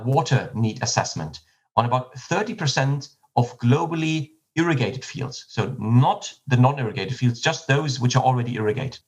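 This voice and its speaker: A man's voice: medium pitch, rough recording. A man from Germany with a German accent, a startup CEO answering podcast interview questions in a technical, explanatory way with frequent restarts and fillers.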